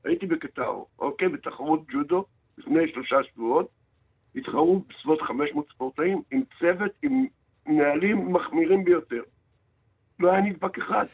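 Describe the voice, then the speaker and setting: Man, Israeli accent, narrow phone sound, fairly high pitch, insistent, repetitive, radio interview guest. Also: slightly rough. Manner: insistent, repeats words and phrases. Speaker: sports official, interview guest. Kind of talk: live radio interview, arguing his case. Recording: tinny narrow phone-like line.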